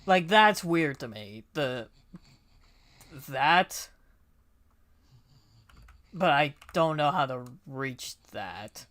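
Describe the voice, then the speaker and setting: A streamer talks to themself while playing a game, slow and unhurried, trailing off in mutters and hesitant restarts. The pitch sits in an ordinary middle range. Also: big pitch swings, fairly bright tone. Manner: mutters, hesitant, self-talk.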